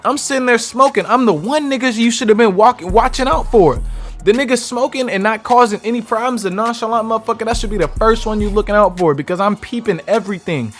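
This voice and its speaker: A man's voice: sits high, fast talker, fairly bright tone, soft background music. A young man telling a heated, profane storytime about his own night out. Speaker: vlogger. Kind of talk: casual storytime.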